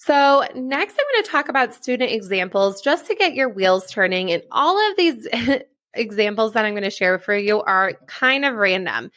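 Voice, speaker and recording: A woman's voice: medium pitch, sing-song, moderate pace, a bit bright, dry recording. A woman STEM educator giving an upbeat, chatty online summit presentation, now and then laughing at herself. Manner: upbeat, chatty, with light self-deprecating laughs. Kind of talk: presentation talk.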